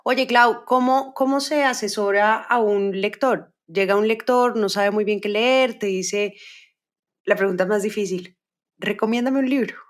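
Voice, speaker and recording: A woman's voice: medium pitch, unhurried. A woman hosting a podcast interview, asking short questions. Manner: brief questions and backchannels. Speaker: podcast host.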